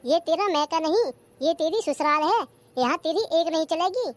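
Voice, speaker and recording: Shrill bossy cartoon mother-in-law. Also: lively intonation, moderate pace, slight background noise. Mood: scolding. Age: older. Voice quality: shrill, nagging. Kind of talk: cartoon comedy dialogue.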